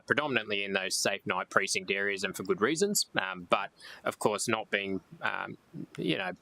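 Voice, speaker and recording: A man's voice: low-pitched, pushed and bright, low-quality recording. An Australian man speaking as a councillor in a council committee meeting, asking officers questions in long, formal sentences. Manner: long-winded, formal phrasing.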